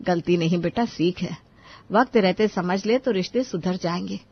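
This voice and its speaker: A woman voicing a wise, calm middle-aged mother who reasons gently with her son. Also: lowish voice, moderate pace, slightly rough, muffled recording. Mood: gently firm.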